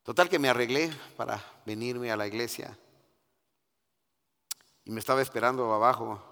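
A middle-aged man giving a sermon testimony. He goes from hushed, confiding talk to loud, emphatic preaching and keeps calling his listeners brother. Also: mid-range voice, moderate pace, big-room sound.

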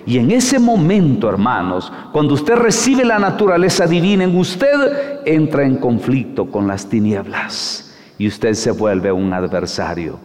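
A middle-aged man preaching an evangelical sermon, calling listeners brother and firing rhetorical questions, dropping to low murmurs then rising to high, urgent cries. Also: sing-song, unhurried, a little mellow, in a large hall.

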